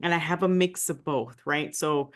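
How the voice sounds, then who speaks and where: A woman with a deep voice speaks at a moderate pace as she recounts her life in a conversational interview. She is a former diplomat from the United States with Nicaraguan family roots, and she frequently adds "right?" to her sentences.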